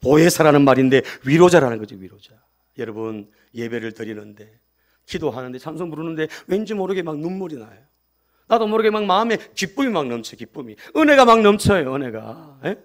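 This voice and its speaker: Guy preaching a sermon, kinda high voice, loud bursts then quiet bits, lots of amens. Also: big pitch swings, a little fast. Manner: emphatic preaching, swinging between loud outbursts and quiet asides; calls for amen and hallelujah responses. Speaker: pastor.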